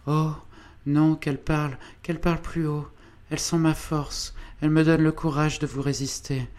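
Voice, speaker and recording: Un homme lisant une jeune femme pieuse et fragile. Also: male voice, fairly high pitch, little pitch movement, normal speed, darkish tone, natural voice. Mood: fervent. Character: frail young woman, devout and resigned.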